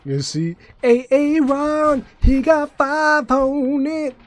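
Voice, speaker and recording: A squealing, drawn-out gangster parody, pitched far above a normal male voice, as a man puts it on. It crawls along at a lazy, stretched pace and sounds deliberately silly. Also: expressive. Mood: mocking. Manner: drawn-out, mocking impression.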